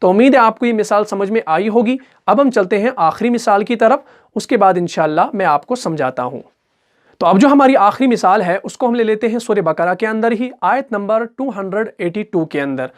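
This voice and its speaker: A man with an Urdu-speaking accent teaching Quran recitation rules step by step, asking questions and answering them himself, and chanting example words slowly with drawn-out syllables. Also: high-pitched, expressive. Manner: patient, repeats each example slowly. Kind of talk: step-by-step tajweed lesson.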